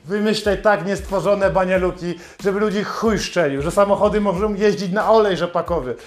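Man, high-pitched, podcast host, satirical monologue, sarcastic, profane, faint music behind. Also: normal speed. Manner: sarcastic, heavily profane ranting.

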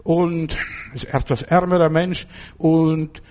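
A man's voice: fairly high pitch, fairly even intonation, slow pace, a little mellow, lo-fi sound. A man giving an informal sermon full of personal stories, talking straight to the listener as a friend and often checking that they follow. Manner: conversational, keeps asking "verstehst du?"; addresses the listener directly as a friend. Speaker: preacher.

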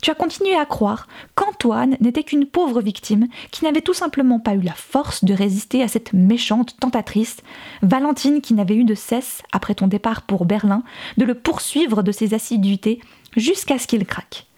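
A woman's voice: a little high, moderate pace, mellow, lightly acted. A woman reading the lines of an exasperated young woman who confronts a rival with cutting rhetorical questions, in an audiobook.

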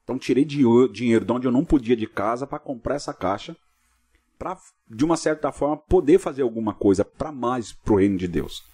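A pastor guest on a podcast talks quickly and tells his stories in a husky, mellow voice. He acts out the lines of the people in his stories as he goes. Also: mid-range voice. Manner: fast, vivid storyteller acting out dialogue. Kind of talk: casual storytelling interview.

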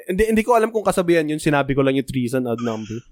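A man's voice: medium pitch, very animated, racing, darkish tone, dry recording, clean studio sound. A young man co-hosting a podcast, joking around and speaking straight to listeners in a mix of Tagalog and English. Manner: joking and playful, addresses listeners directly. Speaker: podcast co-host. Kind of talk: casual chat mixing Tagalog and English.

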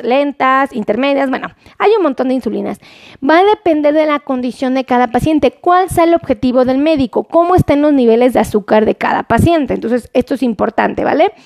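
High-voiced woman doctor streaming live. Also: no room sound. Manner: chatty and playful, cheering on viewers. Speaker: doctor and diabetes specialist. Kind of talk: live-streamed health talk. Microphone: phone.

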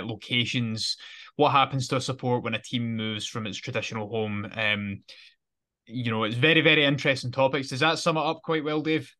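A man's voice: medium pitch, pushed and bright. A British man hosting a casual football podcast, chatty and rambling, correcting himself as he goes. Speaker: podcast host.

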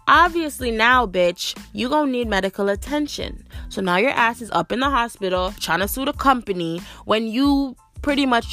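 Creaky, a little bright, and mid-range, a young woman's voice carries a ranting podcast monologue. As host, she's blunt and profane, leaning on "like" again and again.

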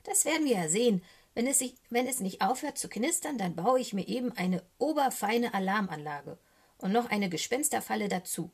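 A woman voicing a cheeky little boy raven in a storybook reading, high and excitable. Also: moderate pace, slightly rough. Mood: determined. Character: cheeky small boy raven, bold yet easily scared.

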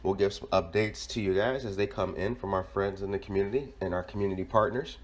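Male host, slightly low voice, casual upbeat delivery. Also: fast. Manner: upbeat, casual shout-outs. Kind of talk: local community news and interview.

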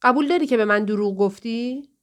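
A woman's voice: fairly high pitch, lightly acted. Woman reading a tense, frightened young wife. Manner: tense, demanding. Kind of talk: audiobook dialogue reading.

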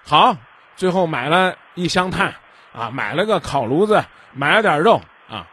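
Husky-voiced man lecturing a caller. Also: fairly high pitch, expressive, normal speed, bright, forceful tone. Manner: lecturing, acts out little dialogues; keeps asking if the caller understands. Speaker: radio hotline host. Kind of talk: call-in advice show.

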